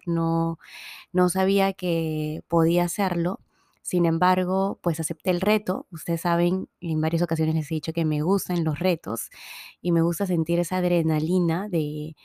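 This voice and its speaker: A woman from Peru hosts a podcast in a chatty, casual monologue full of fillers and restarts, sounding a little tired. Her voice is lowish with a dark tone. The recording is dry, with clean studio sound.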